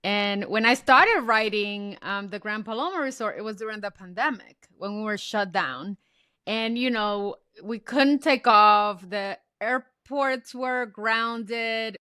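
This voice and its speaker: This Dominican guest author, interviewed on a podcast, talks slowly in a medium-pitched, clean voice that still comes across as bright and forceful. Her reflections are earnest and rise into passionate points, captured in a dry recording with almost no room.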